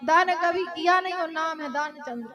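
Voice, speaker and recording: A woman telling a devotional story as a sermon, in a folksy, lively manner with quoted dialogue and sung passages. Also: very high voice, normal speed. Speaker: katha storyteller. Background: devotional music.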